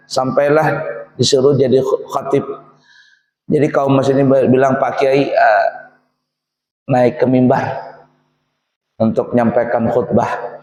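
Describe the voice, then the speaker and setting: A man's voice: mid-range voice, a little mellow. A man preaching a humorous sermon, telling a story and acting out the characters, laughing at his own jokes. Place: mosque or Islamic boarding school hall. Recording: echoey hall, long reverb.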